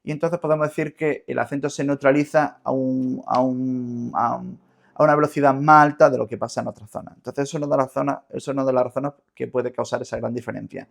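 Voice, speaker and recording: A man's voice: mid-range voice, fairly even intonation, quick pace, vocal fry. A man with an Andalusian Spanish accent explaining things didactically as a linguist in an interview, often repeating words as he searches for the next. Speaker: linguist guest.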